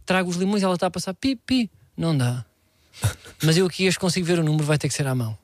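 Fast, high-voiced Portuguese man telling a story. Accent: European Portuguese. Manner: animated, self-mocking, laughs through the telling. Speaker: radio show regular. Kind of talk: comic storytelling. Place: radio studio.

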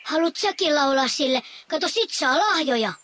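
A little squirrel brother from a children's audio story, high-voiced and curious, a bit lazy and whiny. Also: expressive, bright, forceful tone, slight background noise.

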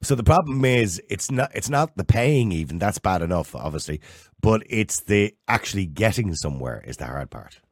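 An Irish man presents an opinionated radio phone-in in a deep voice. His pitch swings widely as he drives points home with repetition, and the sound is close and dry. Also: expressive, normal speed, dry recording. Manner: emphatic, repeats phrases and rhetorical questions. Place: radio studio.

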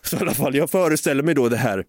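A man co-hosting a podcast, telling a comic story in a casual, animated way and swearing a lot. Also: mid-range voice, dry recording, studio quality. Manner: animated, swearing, acts out voices in his anecdotes. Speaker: podcast co-host.

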